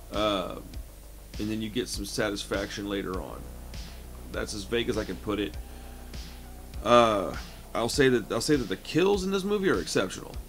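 A man in his late thirties giving a casual, chatty horror movie review from his home, often calling the listener "man". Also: on the low side. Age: 30s. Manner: relaxed and chatty, says "man" a lot. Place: home room lined with shelves of records and films.

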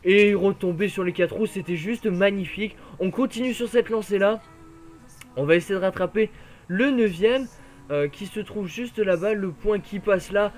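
A man giving jokey, excitable play-by-play of a racing game, his voice worn from being ill. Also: high voice. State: voice worn from illness. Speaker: gaming YouTuber.

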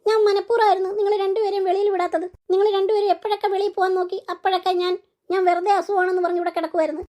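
A tearful older mother-in-law in a cartoon, voiced by a woman, wailing over her mistakes and pleading for forgiveness. The voice sits extremely high and thin, almost childlike. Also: little pitch movement, rapid-fire, dark tone. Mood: remorseful. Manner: lamenting, repeated cries of dismay. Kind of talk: cartoon voice acting.

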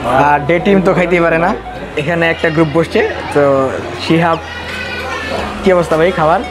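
A man's voice: a little high, moderate pace. A young Bangladeshi man, chatting casually as a food vlogger and listing dishes in a busy restaurant. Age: young adult. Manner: chatty, lists dishes, jokes with friends. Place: busy indoor buffet restaurant. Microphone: handheld camera. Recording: loud restaurant crowd behind.

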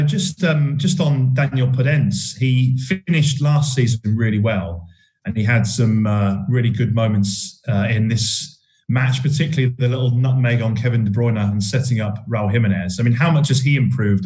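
A man's voice: mid-range voice, steady tone, moderate pace, a little mellow, poor audio. Male reporter asking conversational questions. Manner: conversational, with fillers. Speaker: sports journalist. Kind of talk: press conference questions.

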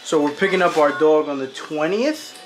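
Over background music, a thirties-aged family vlogger talks to a handheld camera at arm's length at home, moving between kitchen and bedroom. His slightly high, animated voice goes at a moderate pace as he rambles, teases and swears a lot, all captured in noisy home-camera sound.

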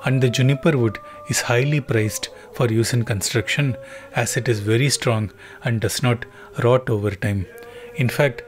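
A man narrating a travel documentary in a calm, even, scripted voice-over. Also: medium pitch, moderate pace. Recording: voice-over with music underneath.

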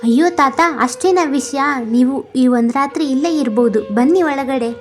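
A woman's voice: high-pitched, normal speed, faint music behind, lightly acted. A woman voicing a poor, kind young mother in a cartoon, polite and earnest. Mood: gentle.

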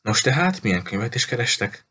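A man's voice: medium pitch, very animated, pushed and bright, slightly rough, heavily acted. A man voicing a cheerful, talkative little lady who runs a bookshop, gushing and cutting others off.

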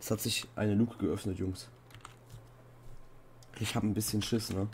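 A young man hosting a horror game playthrough in casual commentary, playing up mock fear and breaking into high panicked shouts. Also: little pitch movement, measured pace, slight background noise. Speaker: Minecraft let's-play host.

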